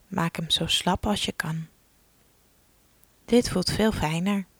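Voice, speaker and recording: Slow, soothing woman guiding relaxation. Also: lowish voice. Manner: slow, soothing instructions, often dropping to a soft whisper. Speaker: relaxation guide for children. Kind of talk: guided relaxation exercise.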